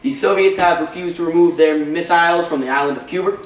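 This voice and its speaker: A man's voice: a little high, quick pace, lightly acted. A young man playing an American president giving a formal address to the nation. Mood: solemn. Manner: speech-like address. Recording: echoey room, mic far off.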